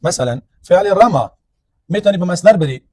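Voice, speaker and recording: A man's voice: sits high, lively intonation, mellow. A man teaching a grammar lesson, explaining step by step and asking and answering his own questions. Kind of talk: classroom lecture on grammar.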